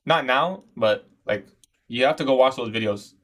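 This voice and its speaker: A man's voice: mid-range voice, normal speed, a bit bright. A man of twenty-one from Iraq, hosting a live trading stream, commenting on his trades and answering chat in a casual, slangy way. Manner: casual, slangy, calls viewers bro. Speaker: livestream host, day trader.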